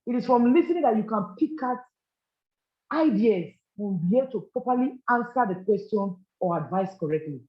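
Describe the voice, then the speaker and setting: In a roomy, muffled lo-fi recording, a man with a high-sitting voice and lively intonation gives a live business leadership training to a group at a moderate pace. He is earnest and coaching, often checking in with "all right?".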